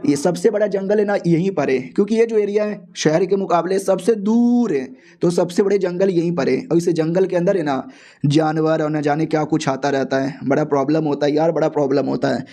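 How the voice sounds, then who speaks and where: A chubby young sidekick who rambles on and cracks jokes, as a man puts him on. His tone is mellow and warm, and the pitch sits a little high. This is a manga-recap figure. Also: a little fast, natural voice. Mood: chatty. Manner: rambling, jokey.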